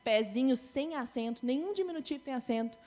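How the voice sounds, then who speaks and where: A woman with a Brazilian Portuguese accent, giving a lively conference talk and playfully acting out messages. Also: sits high, brisk. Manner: animated, playful, quotes messages in mock voices. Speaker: conference speaker. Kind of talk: lively stage talk on business writing. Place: conference stage.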